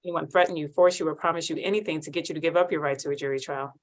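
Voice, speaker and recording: Reading the established procedure by rote, a woman judge with a low voice pushes quickly through a court hearing on a courtroom recording. Her manner is brisk and formal, and her tone never wavers.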